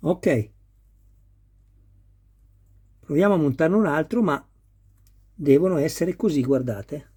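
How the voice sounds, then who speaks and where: Male hobbyist, slightly raised pitch, husky tone, patient step-by-step tutorial. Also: expressive, slow pace, pauses often, a little mellow. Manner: patient, talks viewers through each step. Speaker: model kit builder. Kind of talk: hands-on assembly tutorial.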